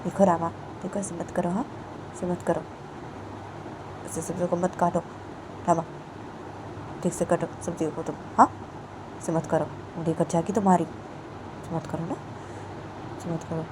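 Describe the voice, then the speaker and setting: A woman's voice: on the low side, steady tone, normal speed, long pauses, noisy background, close to an everyday voice. A woman voicing an anxious young woman who fusses and pleads again and again. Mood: coaxing. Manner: fussing, repeats pleas over and over.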